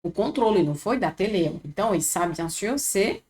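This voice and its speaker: A woman's voice: mid-range voice, lively intonation, normal speed, a little mellow. A woman with a Brazilian Portuguese accent who teaches French, patiently explaining and repeating each word. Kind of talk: casual video lesson.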